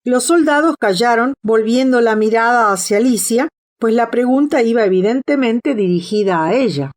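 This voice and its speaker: A woman reading a classic children's novel aloud as an audiobook narrator, in a steady, measured way. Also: fairly high pitch. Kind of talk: scripted storybook narration.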